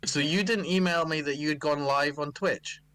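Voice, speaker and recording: A man's voice: a little high, moderate pace, bright, forceful tone, no room sound. A man chatting playfully on a livestream, now and then reading text aloud in a mock-dramatic way. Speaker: game developer. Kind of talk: casual livestream chat.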